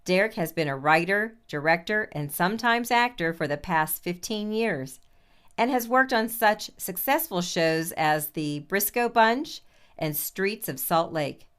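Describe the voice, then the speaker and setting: A woman's voice: on the low side, expressive, a little slow, a bit bright, clear, resonant tone. A woman reading scripted listening-practice material in a formal, carefully enunciated way.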